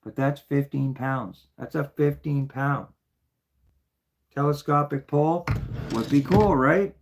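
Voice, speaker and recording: A middle-aged man talks through his fishing gear in a loose, rambling way. His voice has a gravelly, creaky edge, and he keeps checking in with "right?" as he goes. His pitch sits in an ordinary middle range. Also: slow, noisy background. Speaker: fishing channel host. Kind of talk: casual show-and-tell explanation.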